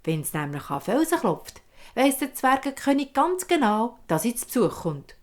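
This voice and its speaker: A woman with a Swiss German accent telling a fairy tale in a vivid, expressive way. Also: on the high side, moderate pace. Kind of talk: oral fairy-tale storytelling.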